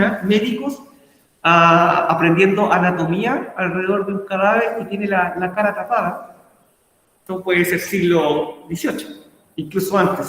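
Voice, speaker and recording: Chilean male teacher, fairly high voice, very roomy long-reverb sound, checks in with the class constantly. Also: a bit bright. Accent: Chilean Spanish. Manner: checks in often with "¿ya?" and "¿cierto?", asks the class questions. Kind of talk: online class lecture. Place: class video call. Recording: very echoey room with long reverb.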